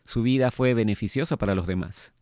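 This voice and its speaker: A man's voice: on the low side, brisk, mellow, no room sound, clean studio sound, natural voice. A man reading aloud and voicing a vain, jovial male spirit who was once a painter, with a teasing, playful lift in his speech. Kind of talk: read-aloud book dialogue.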